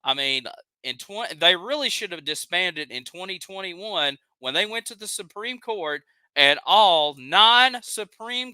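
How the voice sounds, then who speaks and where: A man's voice: high-pitched, bright, forceful tone, clear, resonant tone, dry recording. A man with a Southern accent hosting a live stream, ranting heatedly and reading chat comments aloud. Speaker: live show host.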